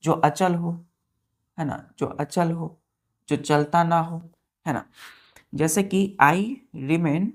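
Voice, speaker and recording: A woman's voice: deep voice, fairly even intonation, takes it slowly, long pauses, darkish tone. A woman with an Indian accent teaching vocabulary in a patient classroom manner, spelling words letter by letter and checking that the students follow.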